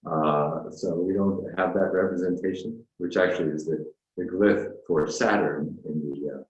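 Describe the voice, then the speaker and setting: A man with a very deep, mellow voice speaks as a spiritual teacher in a slow, musing dharma talk, often pausing on fillers and wandering into asides. The sound is roomy and a little dull, as if captured in an echoing space on modest gear.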